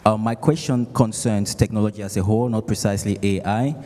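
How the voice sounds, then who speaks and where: A man's voice: lowish voice, a little fast, dark tone. A man, a diplomat and scholar, asking an earnest, formal question from the audience at a conference. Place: large conference hall. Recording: reverberant hall sound.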